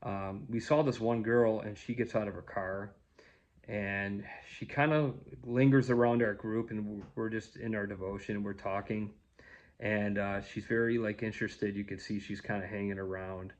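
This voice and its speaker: A man's voice: lowish voice, fairly even intonation, normal speed, muffled recording. A man telling a faith testimony in a casual, rambling way, with many fillers and restarts. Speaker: storyteller sharing a faith testimony.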